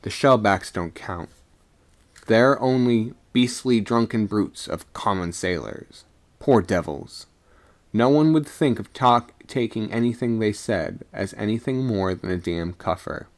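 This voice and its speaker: A man's voice: lowish voice, expressive, measured pace. A man voicing a cynical, scornful sea captain in a storybook reading, with a dismissive way of talking. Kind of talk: storybook character dialogue.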